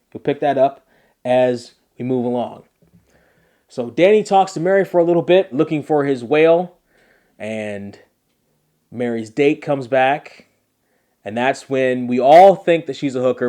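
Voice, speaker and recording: Male podcast host, energetic and chatty, gushing episode recap. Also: mid-range voice. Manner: enthusiastic, animated, repeats phrases for emphasis.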